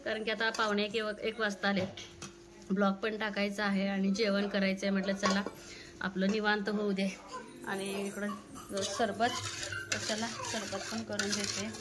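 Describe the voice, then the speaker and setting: In this home recording, a family vlogger speaks in a mid-range voice with flat delivery and a measured pace. She has a rural Maharashtrian Marathi accent and chats casually while instructing her children and family. The audio is clear, with background noise.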